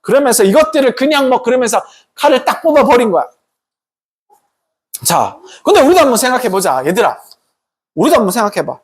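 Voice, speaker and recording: A pastor preaching to a youth group in a lively storytelling manner. The voice rises and falls widely, with a slightly husky edge. The pastor keeps pulling the kids in with quick questions. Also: medium pitch. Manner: animated, asks the kids questions often, tag questions.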